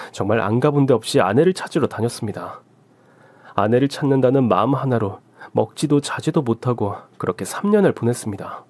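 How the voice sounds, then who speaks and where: A man's voice: mid-range voice, a little mellow, no echo. A man in his forties narrating his own story in the first person, earnest and emotional.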